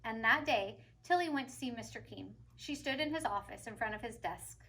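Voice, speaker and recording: A woman reading a picture book aloud as a teacher would to children, expressive and emphatic, with asides to young listeners. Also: fairly high pitch, normal speed.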